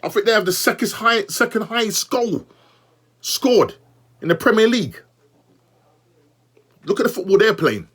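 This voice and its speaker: A young man vents about his team in an exasperated, animated fan review. His voice sits a touch high for a man, and he repeats his points and talks straight at the manager. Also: moderate pace, long pauses, breathy edge. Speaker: football fan channel host. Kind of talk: fan match review rant.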